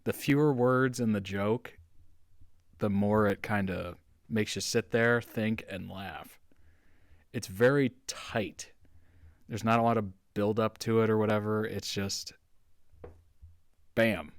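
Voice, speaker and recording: A man's voice: on the low side, fairly even intonation, takes it slowly, pauses often, no room sound, studio quality. A man giving casual, chatty commentary as the host of a reaction video.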